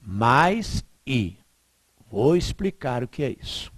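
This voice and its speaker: Woman grammar teacher, slow and emphatic, very expressive pitch, casual and chatty. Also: no echo, clean studio sound. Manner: chatty and emphatic, tags points with "né?", chuckles often. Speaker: Portuguese teacher. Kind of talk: informal grammar lesson.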